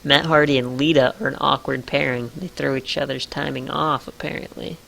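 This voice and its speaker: Gravelly sarcastic man. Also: medium pitch, steady tone, fairly quick, sharp tone, a little hiss or hum. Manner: sarcastic, crude, laughing asides, gives letter grades. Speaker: podcast co-host. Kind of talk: casual comedic recap chat.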